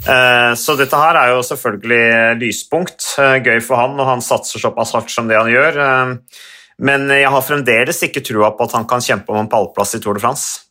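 Bright-voiced man hosting a podcast. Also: mid-range voice, steady tone. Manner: hesitant, many fillers and restarts, reads from notes. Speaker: podcast host. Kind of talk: casual cycling podcast chat.

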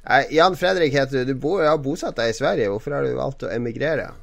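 A man's voice: medium pitch, gravelly, no room sound. A man hosting a show in a casual, chatty style. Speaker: host. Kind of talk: casual chat.

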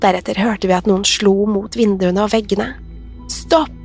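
A woman narrating a horror story in a measured, suspenseful way. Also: medium pitch, little pitch movement, a little mellow, faint music behind.

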